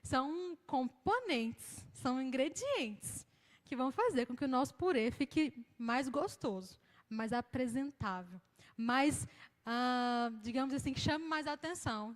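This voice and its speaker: A Brazilian woman minister preaching a sermon in a lively, conversational way, acting out the people she quotes. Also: high voice, a little slow. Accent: Brazilian Portuguese. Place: church hall. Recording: long hall reverb.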